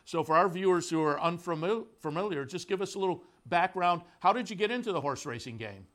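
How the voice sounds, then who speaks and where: Male racing show host, higher-pitched, casual and rambling. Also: expressive, brisk, a bit bright. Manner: conversational, filler-heavy. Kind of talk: broadcast interview. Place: studio in the Saratoga area.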